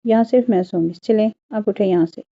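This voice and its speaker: A woman's voice: medium pitch, a little fast, highs cut off, close to an everyday voice. A woman voicing a feisty young newlywed wife who answers back in playful bickering. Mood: sassy.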